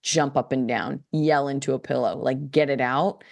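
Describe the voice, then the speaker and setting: A woman's voice: very deep voice, normal speed, vocal fry. A woman guest on a podcast, a children's book author chatting casually and acting out quoted voices, with lots of "like" and "you know.". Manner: animated, acts out quoted voices, many "like, you know" fillers.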